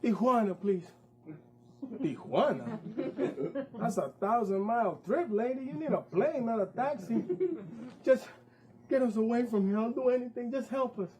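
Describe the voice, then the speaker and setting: A woman's voice: medium pitch, fairly quick, hardly any pauses, a little mellow, a little hiss or hum, voice pushed up, lightly acted. A man playing a desperate young immigrant mother who pleads frantically to get her children away. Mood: frantic.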